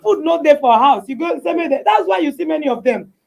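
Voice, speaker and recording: Nigerian woman, high pitch, Nigerian Pidgin, casual panel talk, emphatic, exclaiming, rhetorical questions. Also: lively intonation, quick pace, gravelly, dark tone.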